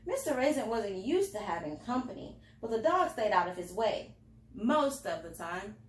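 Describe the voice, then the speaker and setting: At a library storytime, a woman with a mid-range, sing-song voice reads a picture book to children at a normal speed. She reads expressively and tosses in little asides to her listeners, and the room sounds roomy and echoing.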